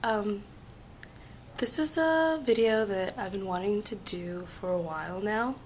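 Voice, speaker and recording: A woman vlogging casually about personal experiences in a halting way, hoarse and sick, her voice giving out into whispers. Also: medium pitch, a little hiss or hum. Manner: halting, hesitant, with long pauses. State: sick with flu and laryngitis. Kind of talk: casual personal storytelling to camera.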